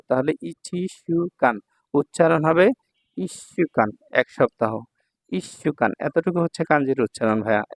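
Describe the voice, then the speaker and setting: Patient male kanji teacher, gravelly voice. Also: fairly high pitch, dry recording. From Bangladesh. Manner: patient, repeats words and checks with "thik ache". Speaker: Japanese language teacher. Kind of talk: online kanji lesson.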